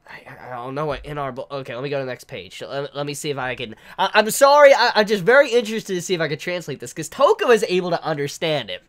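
A man's voice: fairly high pitch, lively intonation, quick pace, few pauses, fairly bright tone. A young man in his twenties, congested with the flu, reviewing a manga chapter to camera from his living room, rambling and stammering as he sounds out made-up words. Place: living room with couch, indoors.

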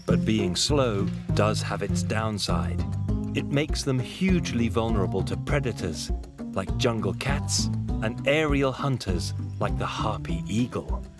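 A man's voice: fairly low pitch, animated, a little slow. A man delivering scripted narration for a nature documentary. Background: music.

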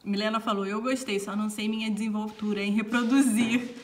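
Chatting casually on her vlog, this young bride is animated and giggly, laughing often. Her voice is mid-range and her pace brisk.

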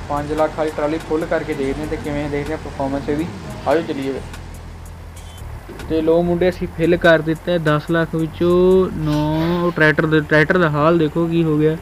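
A man's voice: fairly high pitch, little pitch movement, a little fast, noisy background. A young man gives casual, bantering gameplay commentary, exclaiming and repeating short phrases. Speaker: gaming video creator. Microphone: voice-over recorded over gameplay. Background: music.

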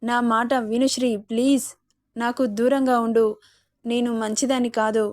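Guilt-ridden young woman pleading with her lover, story reading , voiced by a woman narrator, fairly high and level. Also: level tone, moderate pace, dry recording, studio quality, close to an everyday voice.

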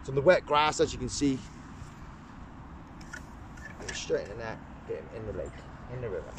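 A young man vlogging his fishing trip outdoors beside a ditch, talking excitedly and rambling to a camera set on the bank. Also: mid-range voice, fairly quick, background noise. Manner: excitable, rambling, lots of fillers. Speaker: angling vlogger. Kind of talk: casual chat to camera.

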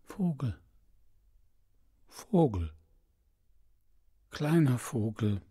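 A man voicing a gentle, sorrowful prince statue in an audiobook fairy tale, speaking softly and tenderly. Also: lively intonation, unhurried. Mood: gently insistent. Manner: soft, low and tender.

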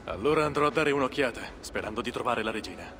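A man's voice: medium pitch, lively intonation, fast talker, sharp tone. A man playing a composed Viking warrior on a search in a video game dub. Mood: urgent. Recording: clear background noise from game ambience.

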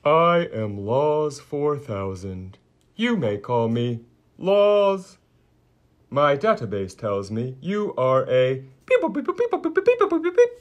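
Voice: mid-range voice, sing-song, takes it slowly, highs cut off. A voice actor playing a polite, lonely stowaway robot in a cartoon, talking in a stiff, formal robot voice. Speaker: robot character. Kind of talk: cartoon voice acting.

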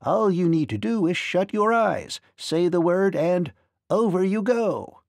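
Man voicing a sly, higher-pitched tiny ferryman. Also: lively intonation, a little slow, dry recording, studio quality. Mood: teasing. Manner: teasing, sly. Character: tiny trickster ferryman who turns into a giant.

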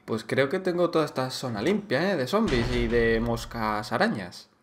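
A man with a Canary Islands Spanish accent giving casual, excitable commentary while playing a horror game, swearing and shouting at the enemies. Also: mid-range voice, moderate pace, noisy background. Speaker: let's play gamer.

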